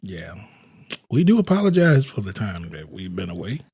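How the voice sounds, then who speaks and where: A man's voice: low voice, big pitch swings, moderate pace, a little mellow, husky. A middle-aged man hosting a casual podcast chat in a studio, easygoing, with short agreeing replies. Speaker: podcast host and minister.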